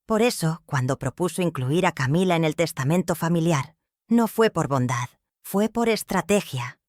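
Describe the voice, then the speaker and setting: A woman narrating a scripted family drama in a measured, dramatic way. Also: low-pitched, expressive, darkish tone, no echo, studio quality.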